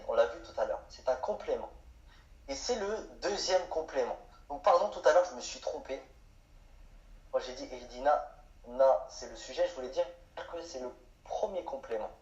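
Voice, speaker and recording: A man's voice: medium pitch, darkish tone. A man giving an explanatory lesson on grammar, asking questions and answering them himself. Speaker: Arabic teacher. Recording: echoey room, dull sound.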